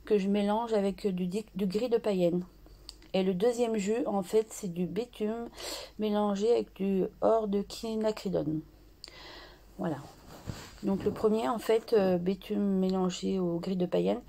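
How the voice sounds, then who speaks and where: A woman hosting a craft tutorial, slowly talking through her art journal steps with many pauses and restarts. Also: mid-range voice, creaky, dark tone. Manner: slow and hesitant, many fillers and restarts.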